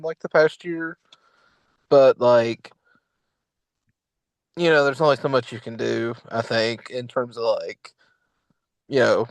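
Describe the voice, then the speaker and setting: A man's voice: mid-range voice, no echo, low-quality recording. A young man co-hosting a casual political podcast, rambling with lots of fillers and restarts. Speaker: podcast co-host.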